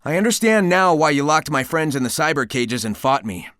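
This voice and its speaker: A man's voice: fairly high pitch, sing-song, fairly quick, a bit bright, no echo, clean studio sound. A man voicing a cocky but caring young cartoon hedgehog hero in a video game, youthful, breezy, casual and confident. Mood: earnest. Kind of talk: video game character dialogue.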